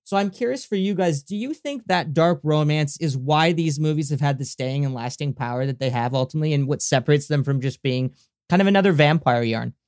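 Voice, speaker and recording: A man's voice: fairly high pitch, a little fast, darkish tone, clean tone, no room sound, studio quality. A man hosting a group discussion, enthusiastic and asking open questions of his guests. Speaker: host.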